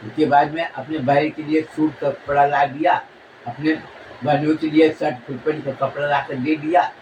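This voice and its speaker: A man telling a real-life story in a relaxed spoken way, chuckling often as he goes. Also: fairly high pitch, moderate pace. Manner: chuckles often while recounting. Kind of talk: informal oral storytelling. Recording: voice from a distance, clear background noise.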